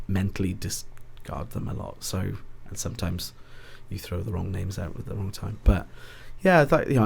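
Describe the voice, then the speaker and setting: A man's voice: deep voice, vocal fry, a little mellow, slight background noise. A man with a South Wales Valleys accent chatting casually in an interview, rambling and correcting himself as he goes. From Ebbw Vale, South Wales. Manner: hesitant, rambling, self-correcting. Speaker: boxing ring announcer, podcast guest.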